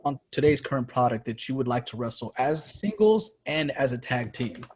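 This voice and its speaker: A man's voice: medium pitch, expressive, moderate pace, a little hiss or hum. A man hosting a casual interview, laid-back and jokey as he chats with his guest. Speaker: interviewer, podcast host.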